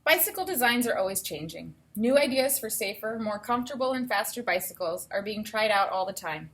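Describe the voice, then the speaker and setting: An elementary school teacher reads aloud to children, thinking out loud and explaining things step by step. Her medium-pitched voice is expressive and brisk.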